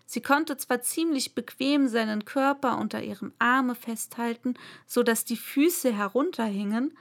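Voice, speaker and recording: A woman narrating a classic children's storybook aloud in a slow, even reading voice. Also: a little high.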